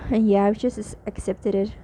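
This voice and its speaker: A young Mexican woman, a vlogger whose first language is Spanish, records a spoken diary in Mexican-accented English, sounding tired and drained and hesitating with many fillers and restarts. Her medium-pitched voice is unhurried, dark, and fairly even, captured on slightly dull lo-fi audio with faint noise.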